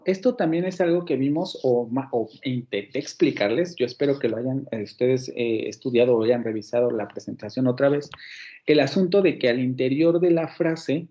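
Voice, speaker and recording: A man's voice: mid-range voice, normal speed, warm tone, muffled recording. Mexican man teaching a phonetics class. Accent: Mexican Spanish. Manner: explanatory, frequent restarts and checks with "¿vale?". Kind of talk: online class lecture.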